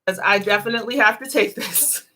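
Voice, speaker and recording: A woman's voice: mid-range voice, a little fast, bright, forceful tone. A woman giving a casual live tarot reading, chatty and giggly, calling her viewers "honey loves.". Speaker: tarot reader.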